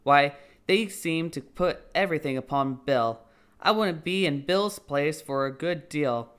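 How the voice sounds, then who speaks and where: A man's voice: a little high, a little slow, fairly bright tone, smooth. A man voicing Alice, a curious little storybook girl who talks to herself in a chatty, indignant, musing way. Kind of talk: audiobook storybook character.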